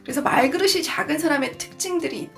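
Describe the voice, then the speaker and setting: A woman's voice: sits high, fast, gravelly. A woman in her forties hosting a book channel, talking candidly and confessionally about a book and her own parenting. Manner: candid, confessional, acts out quoted dialogue. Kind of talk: casual reflective book talk. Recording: soft background music.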